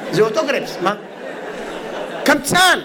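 A man's voice: extremely high pitch, animated, crowd noise, background noise. A man voicing a fed-up middle-aged wife who rants indignantly about her stingy husband. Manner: indignant, complaining rant.

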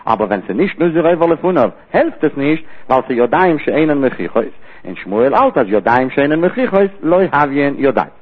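A man's voice: on the high side, big pitch swings, normal speed, breathy edge. Talmud teacher, male, explains in short repeated phrases, tinny phone-quality recording. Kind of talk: Talmud study lecture.

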